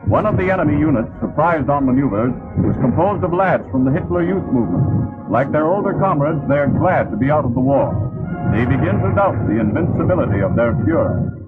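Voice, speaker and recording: A tinny, narrow-band 1940s soundtrack carries a man's voice over loud music. He is an old-style newsreel narrator, reading a wartime script in a stirring, declamatory way. His pitch sits fairly high and swings in a lively, animated fashion. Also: fairly quick. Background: loud orchestral newsreel music.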